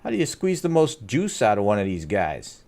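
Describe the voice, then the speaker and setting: Low-voiced man, animated podcast chat. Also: moderate pace, gravelly. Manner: animated, slips into playful put-on accents. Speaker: podcast co-host, agency owner.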